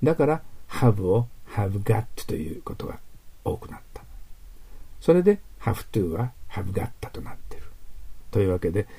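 A male English teacher explaining vocabulary and grammar in a lecture, with many fillers and rhetorical questions, reading English examples slowly. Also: on the low side, very animated, warm tone, husky.

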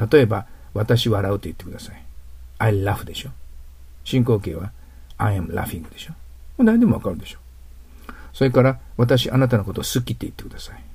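Male English teacher, lowish husky voice, patient explainer, stretches out example phrases slowly. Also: dark tone. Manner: patient, explanatory, asks learners to repeat. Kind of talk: grammar lesson.

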